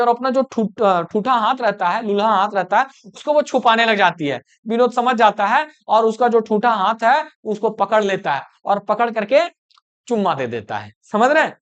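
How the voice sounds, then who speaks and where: Give me a smooth-voiced male teacher, recorded slightly muffled. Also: high voice. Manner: explains line by line, keeps checking understanding and repeating questions. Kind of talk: explaining a folk story to students.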